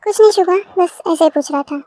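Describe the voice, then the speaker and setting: A woman's voice: extremely high pitch, fast talker, warm tone, no room sound. A woman voicing a cold, commanding young businessman in an amateur fan dub. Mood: curious. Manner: commanding, curt.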